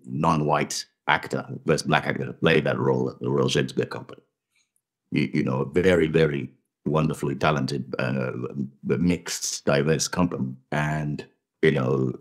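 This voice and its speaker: A man with a remarkably deep, low voice answers questions on a podcast. He is middle-aged and reflective, often repeating a word or starting over while he searches for the right phrase. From Tanzanian family, grew up in Zimbabwe. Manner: thoughtful, halting, many restarts and repetitions. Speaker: guest actor. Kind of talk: conversational podcast interview.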